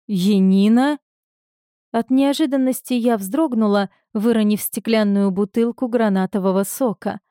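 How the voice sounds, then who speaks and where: Woman reading a first-person audiobook, mellow warm voice, dry close sound. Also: mid-range voice, dry recording. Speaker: narrator.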